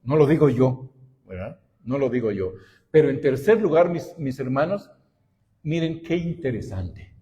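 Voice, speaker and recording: Un hombre que es pastor y predica un sermón en una iglesia, con un ritmo pausado y preguntando a menudo "¿verdad?". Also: male voice, medium pitch, animated, mellow. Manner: slow and deliberate, often adding "¿verdad?". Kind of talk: sermon. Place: church.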